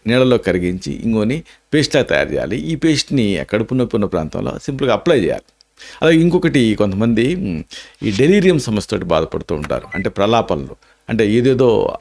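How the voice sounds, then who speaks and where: A man's voice: on the low side, sing-song, a little fast, a little mellow. A man, an Ayurvedic doctor giving health tips and explaining symptoms and home remedies. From India.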